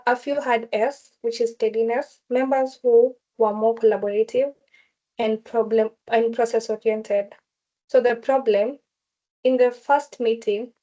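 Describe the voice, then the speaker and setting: A woman's voice: a little high, mellow, highs cut off. A woman explaining a case study to classmates in a casual group discussion, with fillers and restarts. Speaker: student sharing a case study.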